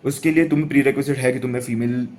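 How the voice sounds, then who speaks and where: A man's voice: medium pitch, steady tone, rapid-fire, a little mellow. A young man giving casual dating advice to camera, rambling and laughing often, with lots of restarts and fillers.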